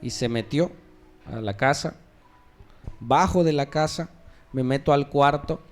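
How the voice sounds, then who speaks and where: A man's voice: mid-range voice, measured pace, faint music behind. A man with a Mexican Spanish accent preaching a sermon as pastor, acting out the voices he quotes.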